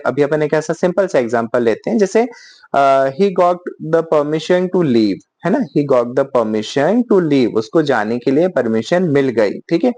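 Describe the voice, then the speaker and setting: A man teaching English vocabulary in Hindi, explaining patiently, checking in often and reading English example sentences slowly. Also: on the high side, a little mellow, dry recording. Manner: explains slowly, often asks "ठीक है?", fillers. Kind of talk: spoken Hindi lesson mixing English.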